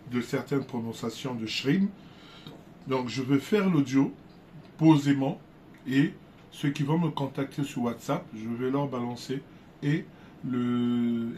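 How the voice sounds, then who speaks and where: A man teaching viewers in a casual, unhurried way, often repeating words and restarting his sentences. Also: mid-range voice, darkish tone, a little hiss or hum. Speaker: spiritual teacher.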